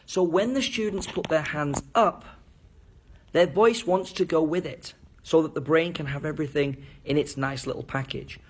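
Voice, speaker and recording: Man, enthusiastic teacher, slightly high voice, video lesson, demonstrates intonation. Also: normal speed, breathy edge. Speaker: teacher trainer.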